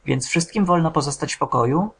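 A man's voice: a little high, a little fast, gravelly, a bit bright, breathy edge, pitched above the performer's own voice, heavily acted. A man reading an anxious séance leader.

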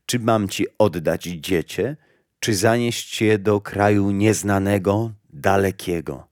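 Grave, hushed Death, as a man puts her on. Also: on the low side, slow pace, no echo, clean studio sound. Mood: grave, solemn. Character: grim solemn female Death, gardener of souls.

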